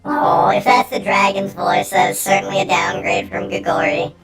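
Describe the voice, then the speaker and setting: A woman's voice: on the low side, level tone, moderate pace. A woman game streamer giving casual commentary as she plays and reads game text aloud. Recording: echoey room, faint game music behind.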